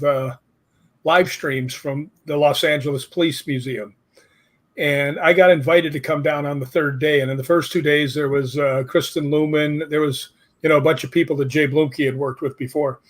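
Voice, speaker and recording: A man chatting as a guest, telling stories at length and acting out what others said. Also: on the high side. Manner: storytelling, quotes others in lively asides. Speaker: podcast guest. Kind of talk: casual chat.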